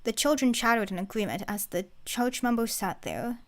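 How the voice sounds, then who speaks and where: A woman's voice: fairly high pitch, lively intonation, moderate pace. A woman reading fiction aloud as a narrator, in a dramatic scripted narration style.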